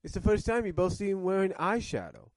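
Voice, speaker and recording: A man's voice: high voice, big pitch swings, a little fast, a little mellow, dry recording. A man reviewing cartoons in casual commentary, rambling and circling back to rephrase, coughing now and then with a cough drop in his mouth.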